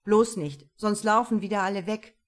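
A woman voicing a busy male office colleague who speaks briskly and emphatically in a storybook reading. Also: mid-range voice, natural voice.

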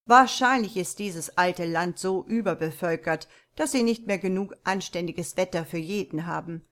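A woman's voice: lowish voice, natural voice. A woman reading the part of an unflappable American diplomat with dry wit. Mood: dry, calm. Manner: calm, dry, unhurried. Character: calm dry-witted American diplomat man.

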